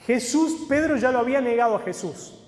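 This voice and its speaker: A man's voice: very high voice, lively intonation, a little fast, darkish tone. A man preaching a sermon in a church hall, explaining a passage step by step and putting questions to the congregation. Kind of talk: sermon with Bible reading. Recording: echoey hall with faint music.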